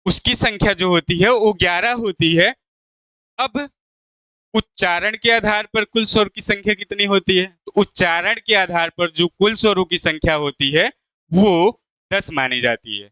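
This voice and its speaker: A male Hindi teacher gives an exam-prep lesson in a high, clear, smooth voice. He talks slowly and patiently, poses each question and answers it himself. The sound is dry and close. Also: sharp tone, no room sound. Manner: repeats key terms slowly; addresses viewers as "friends".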